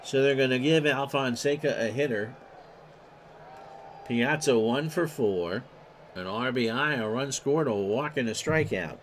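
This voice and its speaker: A man with an unhurried, medium-pitched voice commentates a rebroadcast baseball game from his home streaming setup, listing stats in clipped bursts and exploding on big plays. There is slight background noise.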